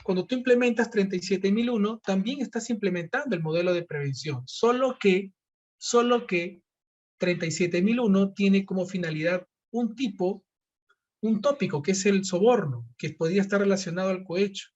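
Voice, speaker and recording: A man's voice: sits high, normal speed, darkish tone, muffled recording. A man giving an online seminar lecture, explaining step by step and posing questions he then answers himself. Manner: explanatory, asks and answers his own questions. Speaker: seminar presenter.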